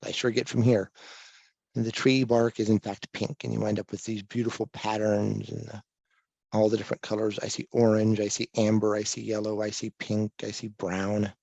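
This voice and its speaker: Low-voiced easygoing man presenting slides. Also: little pitch movement, normal speed, creaky, mellow, no echo. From Kansas. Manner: easygoing and self-deprecating, thinking aloud with restarts. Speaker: guest presenter at a photography talk. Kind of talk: slide presentation to a live audience. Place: library meeting room. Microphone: handheld or stand microphone with popping plosives.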